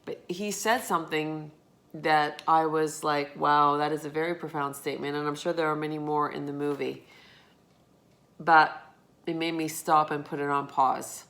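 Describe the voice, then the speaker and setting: Low gravelly-voiced woman vlogging late at night. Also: fairly even intonation, unhurried, a bit bright. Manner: candid, reflective, swears casually. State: tired at the end of a long day. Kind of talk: casual late-night vlog.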